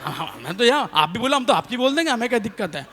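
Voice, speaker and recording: High, animated man doing live stage comedy. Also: fast. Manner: lively storytelling, calls on the audience to clap, acts out voices. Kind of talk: live comic poetry recital. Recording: long hall reverb on a live stage.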